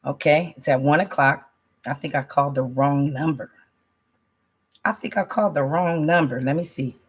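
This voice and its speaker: A woman hosting a casual livestream, chatty and excitable, hyping up her viewers and greeting them by name. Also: sits low, normal speed, breathy edge. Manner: excitable, hype-building, chatty. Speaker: livestream host selling wellness coffee.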